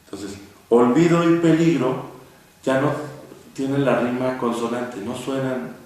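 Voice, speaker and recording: A man's voice: mid-range voice, measured pace, a little mellow, far from the mic. A man teaching a poetry class, patiently explaining and spelling out vowel sounds. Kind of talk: classroom lecture. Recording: echoey room, recorded from afar.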